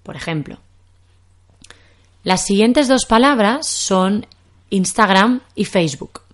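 A woman's voice: medium pitch, animated, slow pace. A young woman from Spain with a Castilian accent, teaching Spanish in a podcast lesson and explaining patiently with examples.

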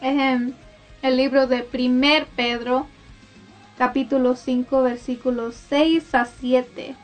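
A woman with a high voice leads a casual devotional talk. She speaks gently and conversationally, with small laughs. Faint music plays in the background. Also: little pitch movement, slow. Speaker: host of a Bible talk.

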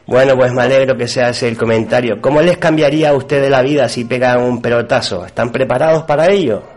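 A man hosting a casual radio interview, upbeat and laughing often as he fires off quick questions. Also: medium pitch.

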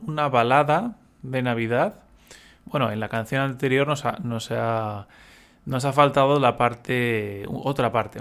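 A man's voice: mid-range voice, a bit bright. A man teaching a music lesson, patiently explaining step by step and humming examples.

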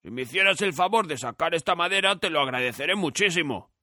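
A man voicing a raspy, earnest straw scarecrow. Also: on the high side, animated, fast, bright, forceful tone, no echo, clean studio sound, pitched above the performer's own voice. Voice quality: hoarse, raspy. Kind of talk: audiobook character voice.

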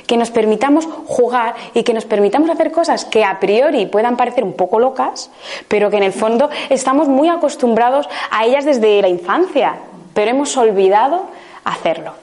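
A woman from Spain with a Spain Spanish accent, leading a live laughter workshop, coaxing the group with questions and bursts of laughter. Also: a little high. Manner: bursts into laughter exercises, loud "ja" calls.

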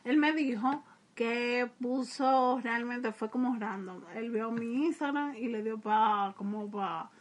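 A woman, co-hosting a casual chat and telling stories with laughs and trailing pauses. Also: on the high side. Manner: chatty, laughing, trails off when unsure. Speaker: podcast co-host.

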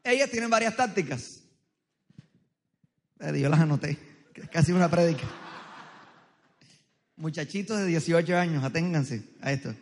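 A married male pastor with a loud, strong voice, preaching a humorous sermon, telling stories and quizzing the crowd. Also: a little high, lively intonation, moderate pace, long pauses. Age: adult, married. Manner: joking, storytelling, quizzing the crowd. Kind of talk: humorous sermon with audience interaction. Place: large church hall with tiered seating. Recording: long reverb of a big hall.

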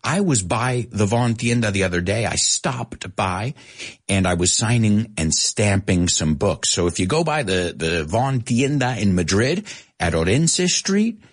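A man hosting a lively radio show that teaches English, reading out listener messages and explaining phrases. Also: fairly low pitch, a little slow. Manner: energetic, reads listener chat messages aloud and explains phrases.

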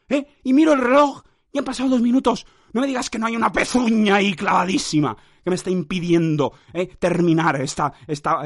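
Solo podcast host, man, tired and theatrical, fairly high voice, dry close sound. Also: no echo. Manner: theatrical, swings between mock despair and shouting. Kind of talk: rambling solo monologue. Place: small closed room. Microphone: handheld recorder mic.

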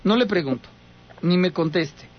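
A man's voice: high voice, lively intonation, normal speed, highs cut off. A man hosting a talk show, musing aloud and restarting his sentences. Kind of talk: talk radio chat.

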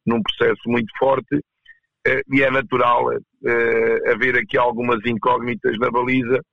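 A man with a European Portuguese accent answering as a coach in a casual interview, halting and repeating words as he goes. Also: medium pitch, little pitch movement, vocal fry, no echo, dull audio. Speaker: roller hockey coach, interview guest.

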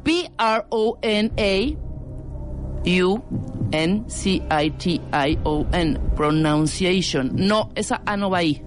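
A woman's voice: on the low side, animated, takes it slowly, music in the background. A Mexican woman in casual chat, joking around and stumbling as she spells words aloud letter by letter.

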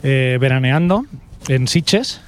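A man's voice: medium pitch, slow, smooth, soft background music. A young man, telling stories in a casual chat and acting out the voices of the people in them. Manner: animated storyteller, acts out quoted voices. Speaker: podcast co-host. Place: walking outdoors up stairs.

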